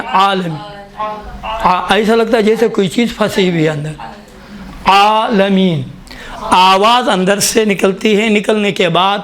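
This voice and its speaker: A man's voice: high-pitched, fairly bright tone. A man teaching Quranic pronunciation to a class, explaining patiently and asking the students questions. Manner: patient, questioning, often says "look". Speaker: tajweed teacher. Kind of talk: classroom lesson.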